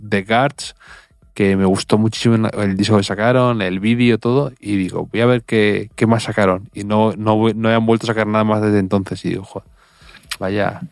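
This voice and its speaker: A man with a lowish voice trades dry, wry jokes about football as a podcast co-host. He often stumbles and restarts mid-phrase. His voice sits close to the mic in a dry space. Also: fairly even intonation, normal speed, gravelly, no room sound. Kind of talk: casual chat about football.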